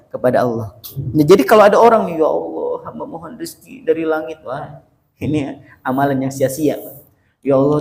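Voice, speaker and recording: A man's voice: a little high, mellow. A male Islamic preacher giving a humorous sermon, telling stories and often turning to address his listeners directly. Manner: joking, storytelling, often addresses listeners as "Pak".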